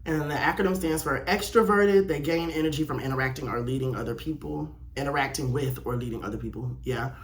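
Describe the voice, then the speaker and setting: In a brisk mid-range voice that leaves few pauses, a young channel host reads out material and reacts to it solo. His style is casual, blunt, opinionated and slangy.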